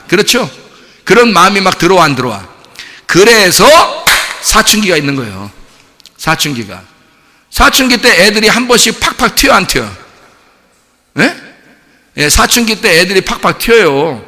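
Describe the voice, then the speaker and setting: Lively high-pitched pastor in a reverberant church. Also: male voice. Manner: animated, playful, asks the congregation questions and answers them. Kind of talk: sermon. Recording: church hall with long reverb.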